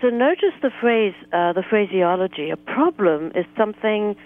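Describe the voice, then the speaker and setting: A woman's voice: mid-range voice, lively intonation, moderate pace. Phone-in guest, woman from South Africa, articulate and pointed, thin phone-line sound. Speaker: guest author. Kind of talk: political talk radio interview.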